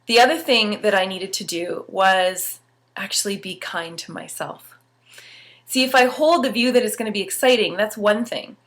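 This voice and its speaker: A middle-aged woman giving an upbeat personal motivational talk to camera. She speaks emphatically, swinging between bright bursts and soft asides. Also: mid-range voice, normal speed.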